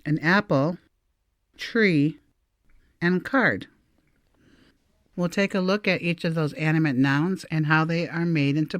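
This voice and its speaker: Woman teaching a language lesson, super slow and careful, says every word twice, dry close sound. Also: deep voice, dry recording. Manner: slow, deliberate, repeats each word for learners.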